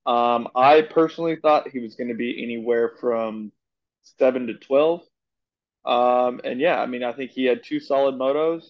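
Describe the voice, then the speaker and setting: A man's voice: mid-range voice, moderate pace, no echo. A man co-hosting a podcast over a remote line. He tells stories loosely, with plenty of fillers. His voice comes through dull and dry. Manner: loose, filler-heavy storytelling. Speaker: podcast co-host. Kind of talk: casual podcast chat. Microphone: remote call.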